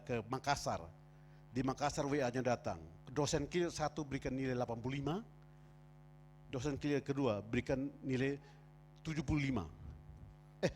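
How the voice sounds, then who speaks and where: A man preaching a sermon in church, moving from quiet storytelling to loud, shouted preaching. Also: mid-range voice. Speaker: pastor. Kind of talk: sermon with personal stories.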